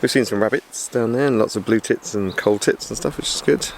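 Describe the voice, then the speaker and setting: A man's voice: fairly low pitch, brisk, vocal fry, noisy background. A man chatting casually on a travel vlog, laughing at himself, filmed outdoors and in a car. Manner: chatty, self-mocking, laughs often. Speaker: vlogger.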